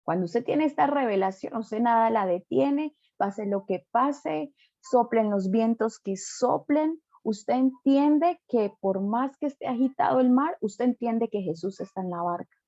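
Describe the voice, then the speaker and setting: A woman's voice: on the high side, a little slow, mellow, dry recording, dull audio. A woman pastor preaching a sermon emphatically, often adding rhetorical tag questions.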